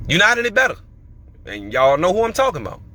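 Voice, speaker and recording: Speaking fast in a high-sitting voice, this man hosts a podcast full of casual commentary, where he spins animated stories and offers slangy, emphatic opinions.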